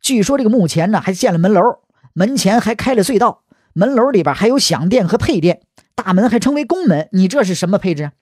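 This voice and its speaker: A man's voice: sits high, lively intonation, fast, a little mellow, husky, no room sound, studio quality. A man telling history stories in a chatty, colloquial way, with asides to the listener. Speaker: history storyteller. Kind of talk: colloquial storytelling.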